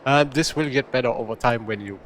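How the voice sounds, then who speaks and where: A man's voice: mid-range voice, a little fast, slight background noise. A man hosting a gaming video in a chatty, rambling way, often correcting himself. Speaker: gaming channel host. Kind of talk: casual gameplay commentary.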